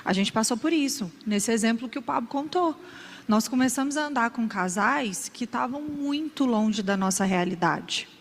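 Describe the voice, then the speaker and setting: A woman's voice: on the high side, expressive. Earnest woman in an echoing hall. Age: 30s. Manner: earnest and measured, faith-based advice. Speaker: co-speaker. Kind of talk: motivational talk to a live audience. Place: large event hall. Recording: reverberant event hall.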